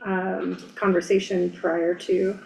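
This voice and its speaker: A woman's voice: on the low side, little pitch movement, slow pace, creaky, a little mellow, low-quality recording. An American woman chairing a public meeting in a plain, businesslike, procedural way. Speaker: planning commission chair. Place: indoor public meeting room. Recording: faint background noise in meeting room.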